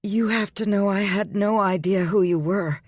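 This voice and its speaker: A man voicing a nervous young woman, a new assistant, who speaks shakily but keeps a crisp, polite front. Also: high-pitched, steady tone, dry recording, clean studio sound, pitched above the performer's own voice. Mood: shaky, crisp. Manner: shaky yet crisp, brisk politeness.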